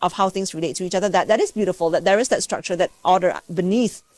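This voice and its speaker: A woman from Malaysia, a scientist and university teacher, is interviewed in a dry recording. Her voice is on the low side with a darkish tone, and her thoughtful, conversational answers come haltingly as she searches for words.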